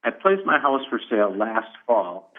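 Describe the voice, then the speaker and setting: A man's voice: mid-range voice, very animated, moderate pace. Blunt middle-aged male caller on speakerphone, thin phone-line sound. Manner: plainspoken, blunt. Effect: on speakerphone over a phone line. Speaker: caller giving public comment. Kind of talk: public comment at a county meeting. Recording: tinny phone line over a room speaker.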